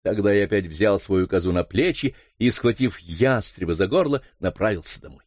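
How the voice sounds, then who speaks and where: A man's voice: lowish voice, moderate pace, dry recording. Man narrating an adventure audiobook. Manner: steady storytelling. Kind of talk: first-person adventure novel reading.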